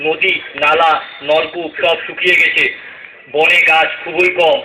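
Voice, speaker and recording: A man's voice: on the high side, flat delivery, unhurried, close to an everyday voice. A man playing a thirsty, worried male traveler in a stage play, asking anxious questions. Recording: echoey room with faint noise.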